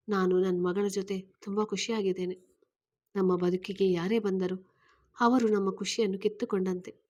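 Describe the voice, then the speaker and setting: A young single mother speaks with firm, pleading resolve, close to tears, as a woman reading a story voices her. Her mid-range voice stays plain and steady. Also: mid-range voice, lightly acted.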